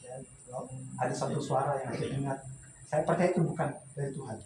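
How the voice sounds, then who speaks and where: A man's voice: mid-range voice, steady tone, quick pace, reverberant, over music, poor audio. A man preaching at a home memorial service, telling his story in a loose, conversational way, often restarting and laughing. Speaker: pastor.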